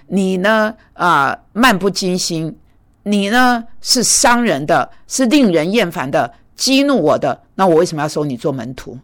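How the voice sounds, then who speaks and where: Woman preacher, blunt, scolding, lower-pitched voice, animated delivery. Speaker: preacher and mentor. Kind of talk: sermon. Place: speaking in Manhattan.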